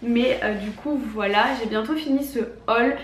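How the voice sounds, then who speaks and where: A woman's voice: on the high side, moderate pace. A young woman with an accent from France chats casually and emphatically about her shopping, her voice honking and nasal like a duck from a cold. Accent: French from France. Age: young adult. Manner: informal, filler-heavy, emphatic. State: congested, sick with a cold. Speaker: beauty vlogger. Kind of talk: casual chatty product haul. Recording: echoey room, faint background noise.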